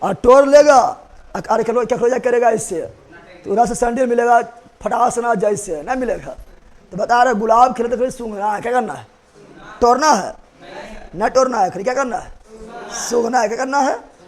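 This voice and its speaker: A man with a very high voice teaches history to a class at normal speed with long pauses. He repeats points, quizzes his students and jokes using rhymes as mnemonics in his lecture.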